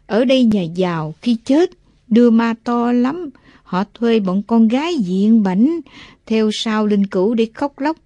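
A man's voice: very high-pitched, animated, unhurried, dark tone, no echo, voice pushed up. A man voicing a poor, sorrowful old village woman in an audiobook, speaking plaintively.

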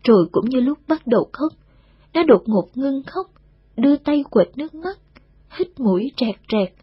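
Brief: woman storyteller, very breathy, dry lo-fi recording. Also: high-pitched, dry recording. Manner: steady, unhurried storytelling, voices every character. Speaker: narrator. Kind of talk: scripted story narration.

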